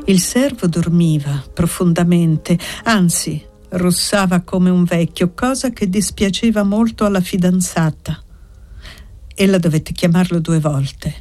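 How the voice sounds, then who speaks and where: A woman reading a literary novel aloud in a measured, steady narration. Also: fairly low pitch. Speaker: audiobook narrator. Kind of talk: scripted narration.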